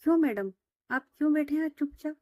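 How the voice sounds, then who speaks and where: Woman voicing a proud businessman dad, middle-aged, mock-stern, playful scolding, dark mellow tone, dry close sound. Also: sits high, a little fast, no echo, voice pushed up, close to an everyday voice.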